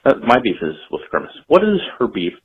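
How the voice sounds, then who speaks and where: A man's voice: medium pitch, huge pitch swings, fairly quick, husky. A man leaving a casual, chatty voicemail over a phone line, losing his thread as he talks. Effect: voicemail played over a phone line. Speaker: voicemail caller.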